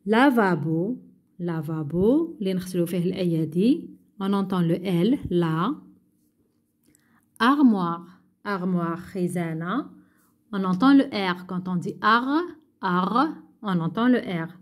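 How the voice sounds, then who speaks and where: A woman, a primary school teacher going through a workbook, who talks slowly and patiently, repeats each word and translates it into Arabic. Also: lowish voice, expressive, darkish tone. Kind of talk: workbook lesson.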